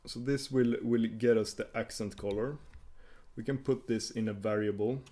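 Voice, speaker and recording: A man talks through a coding screencast in a mid-pitched voice, explaining each command as he types. He hesitates often and restarts his phrases, and keyboard clicks come through behind him. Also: steady tone, moderate pace, dark tone. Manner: hesitant, many fillers and restarts while typing. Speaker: tutorial host.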